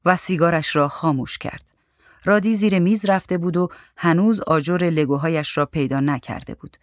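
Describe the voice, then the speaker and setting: A narrator reading a short story aloud in a calm, even literary manner. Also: mid-range voice, no echo, studio quality.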